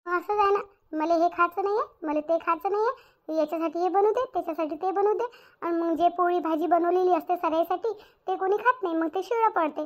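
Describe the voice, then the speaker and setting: A woman voices a very high-pitched, indignant young village daughter-in-law in a domestic cartoon story, speaking fairly quickly in rural Maharashtra's Varhadi Marathi. The character is outspoken and complaining, yet caring.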